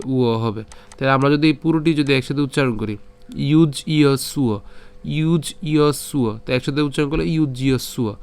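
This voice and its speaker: Male online recitation teacher, smooth resonant voice, slow drawn-out chanting between plain explanations. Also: mid-range voice. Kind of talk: recorded online lesson. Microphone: voice-over for slides.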